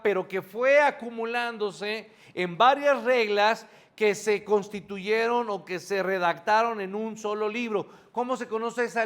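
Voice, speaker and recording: Delivering a morning sermon at church, this man speaks with a high-pitched, fairly bright tone. He teaches conversationally, frequently asking the congregation questions he then answers, and sprinkles in homely asides.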